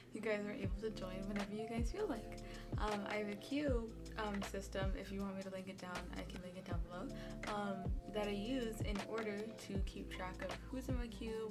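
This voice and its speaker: A young woman from Los Angeles with a lisp from new braces, chatting in a rambling, gushing way as a game streamer answering questions in a casual vlog. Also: mid-range voice. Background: background music.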